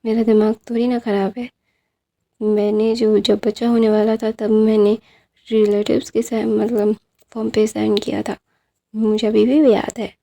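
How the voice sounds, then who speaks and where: A woman voicing a stern, cold adult husband with curt, flat replies in a fanfic retelling. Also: on the high side, normal speed, vocal fry.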